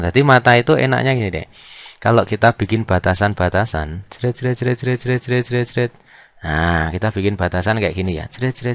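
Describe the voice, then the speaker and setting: A man's voice: sits low, no echo. A young man, teaching physics in a casual lesson. He asks questions in his own voice and answers them, filling the talk with "nah" and "kan gitu". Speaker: physics tutor.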